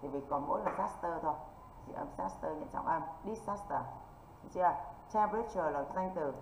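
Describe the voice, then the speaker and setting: A woman English teacher from northern Vietnam, running an online exam-prep lesson and constantly checking in with quick rhetorical questions. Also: fairly low pitch, creaky, a little mellow. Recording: echoey, dull lo-fi with faint noise.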